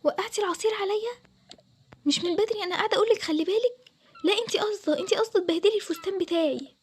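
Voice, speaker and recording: A woman's voice: sits high, fairly even intonation, rapid-fire, a little mellow. A woman voicing a young bride who is upset and complaining, in an Egyptian accent. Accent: Egyptian Arabic. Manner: complaining, pleading. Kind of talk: Toca Boca roleplay voiceover.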